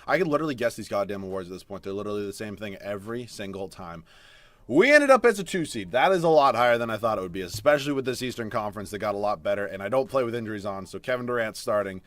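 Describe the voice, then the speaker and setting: This young gaming streamer commentates his basketball video game as he plays, swinging between low mutters and loud swearing outbursts. He talks very fast with few pauses, and there's no echo.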